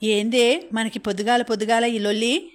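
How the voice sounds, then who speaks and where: A woman voicing a gruff, irritated middle-aged husband in an audiobook story. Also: a little high, steady tone, moderate pace, natural voice.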